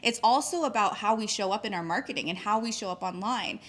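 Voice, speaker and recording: Quick emphatic woman guest. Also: mid-range voice, fairly bright tone. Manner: fast, emphatic, laughs often, swears casually. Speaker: podcast guest. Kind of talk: casual interview chat. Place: outdoor retreat location.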